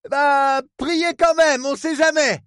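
A gruff, fretful harbor superintendent, as a male narrator puts him on, talks in blunt rustic speech and keeps swearing. The voice sits very high, far above the reader's own. The sound is dry and close. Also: steady tone, takes it slowly, fairly bright tone, no echo, heavily acted. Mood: urgent. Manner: blunt rustic talk, full of oaths. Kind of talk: audiobook character voice.

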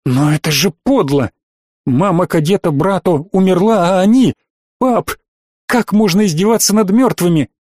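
A heated young boy cadet, put on by a male narrator in an audiobook, his voice pitched up high and pleading as he defends a friend. The delivery is close and dry. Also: brisk, hardly any pauses, dry recording.

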